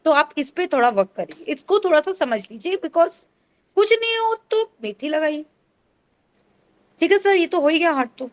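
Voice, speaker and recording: A woman's voice: high-pitched, very animated, normal speed. A woman co-presenting an acupressure class over a video call, explaining step by step in a teaching tone. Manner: explains step by step, checks with "ठीक है?". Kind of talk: explanatory teaching, mixing in English.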